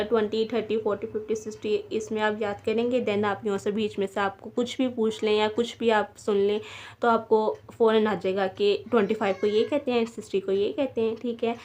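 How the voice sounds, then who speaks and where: A woman's voice: a little high, darkish tone. A woman teaching a beginner language lesson, patiently repeating each word several times and checking in with her students.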